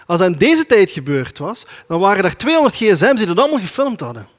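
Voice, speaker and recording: A man preaching a lively sermon, acting out the scenes as he tells them. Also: high-pitched, brisk. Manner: animated storytelling, acting out the scenes.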